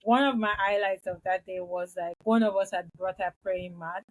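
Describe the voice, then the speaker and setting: A woman's voice: mid-range voice, steady tone, moderate pace, no echo, poor audio. A woman co-hosting a podcast in casual chat, talkative and laughing easily. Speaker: podcast co-host.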